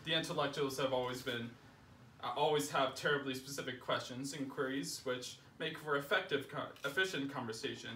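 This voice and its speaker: At a home literary salon, a young adult man with a bright, mid-range voice reads a humorous first-person essay aloud to a small audience seated in a living room. The sound comes from a far-off camera mic, so it carries a roomy echo and a little background noise.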